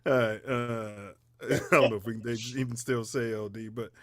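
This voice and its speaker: A man's voice: medium pitch, steady tone, moderate pace, slight background noise. Laid-back middle-aged man telling stories. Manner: loose storytelling, laughs easily, slangy. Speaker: co-host. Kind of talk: casual sports talk.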